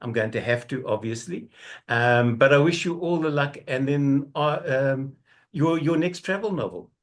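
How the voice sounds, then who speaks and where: A man's voice: medium pitch, normal speed. A man hosting a book interview show, teasing his guest and laughing often in casual chat. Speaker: radio show host.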